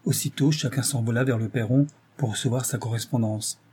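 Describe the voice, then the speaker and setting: A man with a husky, mid-range voice narrates a novel for an audiobook in a steady, measured storytelling style.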